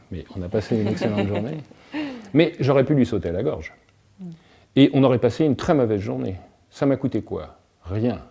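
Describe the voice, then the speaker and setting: A man's voice: medium pitch, vocal fry, mellow. A man speaking as an interview guest, an alchemist and author, musing reflectively and using everyday anecdotes to make his points. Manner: reflective, illustrates points with everyday anecdotes, tags phrases with "hein". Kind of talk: reflective philosophical talk.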